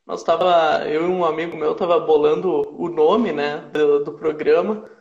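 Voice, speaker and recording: A man's voice: a little high, steady tone, moderate pace, creaky, darkish tone. A man with a Rio Grande do Sul accent, chatting casually as a podcast guest and often tagging his lines with "né, cara?". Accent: Rio Grande do Sul Portuguese. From southern Brazil. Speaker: podcast guest, sports and music journalist. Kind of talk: casual chat. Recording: echoey, muffled live-stream audio.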